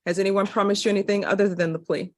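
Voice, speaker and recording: A woman serving as judge works through formal questions at a quick clip in a courtroom recording. Her voice sits at an ordinary middle pitch, and her manner stays brisk and businesslike. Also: steady tone. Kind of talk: formal plea hearing questioning.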